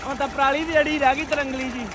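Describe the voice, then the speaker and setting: A man's voice: very high voice, fairly even intonation, quick pace. A young man with a Punjabi accent chatting casually and expressively, teasing and repeating his phrases as he vlogs outdoors. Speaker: vlogger. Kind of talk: casual chat while vlogging farm work. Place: outdoors on a farm. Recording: noisy outdoor recording with engine hum.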